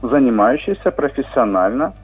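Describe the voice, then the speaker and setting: A man's voice: mid-range voice, big pitch swings, husky. A man, a linguistics professor, calling in to a radio show and explaining a point at length with frequent hesitations. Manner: measured, lecturing with many hesitations. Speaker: linguistics professor, phone guest. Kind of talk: radio phone interview. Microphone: phone. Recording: tinny phone line with faint music.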